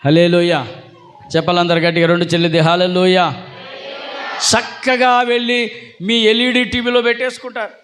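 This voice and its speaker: A man's voice: high-pitched, level tone, normal speed, long pauses, fairly bright tone, a little hiss or hum. A man preaching a sermon to a church congregation, calling on them for responses and teasing them playfully. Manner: teasing, jokes with listeners. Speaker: pastor.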